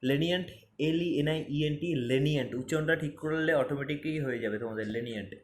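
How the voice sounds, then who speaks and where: A man's voice: a little high, very fast, a little hiss or hum. A man teaching spelling for exams, spelling words letter by letter and repeating them for emphasis. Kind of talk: exam-prep spelling lesson. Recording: roomy echo, faint ambience.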